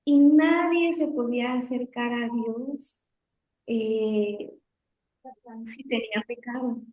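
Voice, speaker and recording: A woman's voice: a little high, steady tone, slow, a little mellow, echoey room, low-quality recording. A woman pastor teaching the Bible to a women's group over a video call, explaining step by step and often checking in with "¿no?". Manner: explanatory, often adds "¿no?" and "entonces". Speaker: pastor leading a women's devotional.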